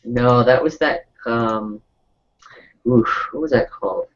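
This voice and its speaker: A man's voice: medium pitch, takes it slowly. A man chatting casually on a podcast, hesitant and trailing off, whose voice comes through distant and muffled as if from down a hallway behind a wall. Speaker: podcast co-host. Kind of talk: casual chat. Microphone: wrong microphone.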